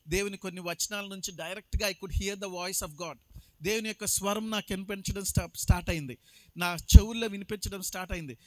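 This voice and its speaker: A man's voice: high voice, fairly bright tone, no echo. A man preaching his testimony as a pastor, emphatic and slipping English phrases into his talk. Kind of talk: sermon testimony.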